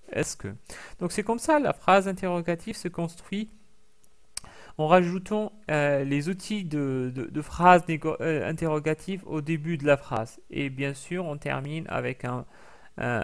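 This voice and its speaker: A man teaching a lesson in French, explaining slowly with many fillers and restarts and carefully sounding out each letter. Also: a little high. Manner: carefully over-articulates sounds being taught. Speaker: Arabic teacher. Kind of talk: recorded language lesson.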